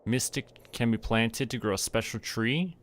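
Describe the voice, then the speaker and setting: A Canadian man streams a game, playfully thinking aloud, narrating his own actions and reading game text aloud. His voice is medium-pitched and fairly bright, with a measured pace.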